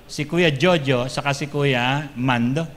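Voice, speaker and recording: A man preaching as a pastor, lively and joking, often calling out to the congregation for an "Amen.". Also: medium pitch, takes it slowly, in a large hall. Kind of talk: sermon. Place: church hall.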